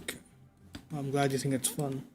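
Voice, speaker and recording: A man livestreaming a game, talking casually and thinking out loud in a conversational way. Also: mid-range voice, monotone, a little fast. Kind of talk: casual livestream chat while playing a game. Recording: game music behind the voice. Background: video game music.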